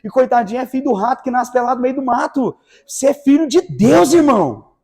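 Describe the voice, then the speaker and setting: High-voiced preacher, loud and soft by turns. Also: male voice, lively intonation, fairly quick, vocal fry, slightly rough. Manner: swings between hushed asides and shouted exclamations. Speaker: pastor. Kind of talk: lively evangelical sermon. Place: church.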